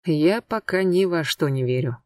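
A man's voice: on the high side, animated, normal speed, no room sound, clean studio sound, distant mic, natural voice. A man doing a cool-headed female police sergeant.

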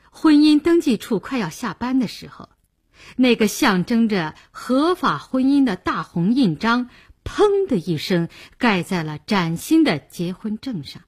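A woman reads a novel aloud with expressive, scripted storytelling. Her voice is husky and grainy, yet her pitch ranges widely, giving the reading a lively shape. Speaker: audiobook narrator.

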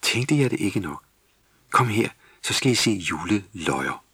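In a dry recording, a man with a lowish, slightly rough, somewhat bright voice speaks animatedly. He's voicing a cheeky, bossy, hot-tempered female Christmas elf for a storybook, sounding commanding and quick to scold.

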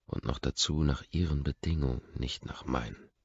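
A man's voice: rumbling low, moderate pace, vocal fry, husky, no echo. A man narrating a first-person audiobook in a brooding, intense inner-monologue manner, in a dull lo-fi recording.

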